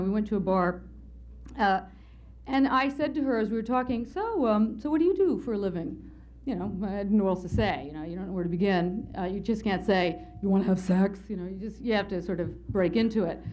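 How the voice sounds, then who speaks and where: A woman's voice: medium pitch, a little fast, darkish tone, a little hiss or hum. A woman speaker at a conference telling a candid, wry personal story as part of her lecture. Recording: slightly muffled lo-fi lecture recording.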